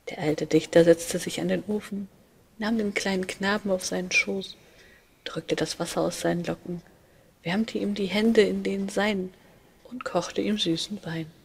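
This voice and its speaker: A woman reading a fairy tale aloud in a calm, hushed voice that often drops to a whisper. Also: medium pitch, moderate pace, gravelly, husky. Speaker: storyteller.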